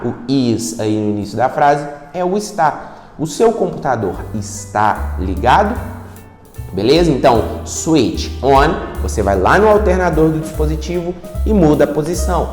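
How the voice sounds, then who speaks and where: A man's voice: mid-range voice, roomy sound, big-room sound. Brazilian male English tutor, easygoing and chatty, faint music under the voice. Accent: Brazilian Portuguese. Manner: relaxed and chatty, checks in with listeners. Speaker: English teacher. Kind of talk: online English lesson.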